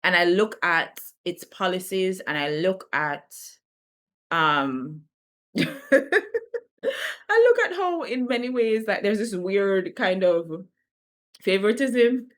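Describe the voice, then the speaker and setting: A woman from the Caribbean talking candidly to camera in a reflective vlog, animated and laughing between her thoughts. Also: medium pitch, slow, long pauses. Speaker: vlogger.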